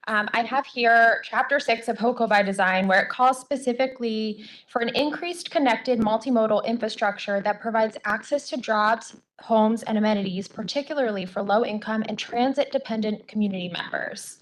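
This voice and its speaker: Hoarse woman lawyer testifying at a public hearing, earnest, lots of ums and restarts. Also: a little high, fairly even intonation, moderate pace, few pauses, poor audio. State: voice going hoarse. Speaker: attorney giving public testimony.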